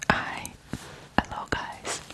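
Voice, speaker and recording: An ASMR video host and storyteller from Ukraine whispers true crime stories in hushed tones, pausing often between short phrases.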